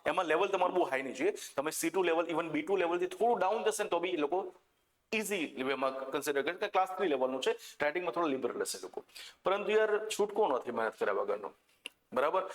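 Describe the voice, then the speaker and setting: Gujarati male exam-prep teacher, lively and coaxing, voice a touch high, classroom lecture. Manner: animated, coaxing and direct, often asking the class questions. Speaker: English teacher for exam coaching.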